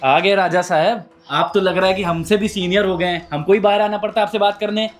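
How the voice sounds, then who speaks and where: A man plays a domineering restaurant manager in a low-budget short film. His voice is high and fast as he scolds the guard, with faint music underneath. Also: steady tone, lightly acted. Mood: scolding. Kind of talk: amateur short-film acting.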